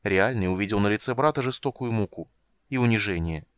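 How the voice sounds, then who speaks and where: Man, audiobook narration, low voice, measured, dry close mic. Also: a bit bright, smooth, no echo. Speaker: audiobook reader. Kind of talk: scripted narration.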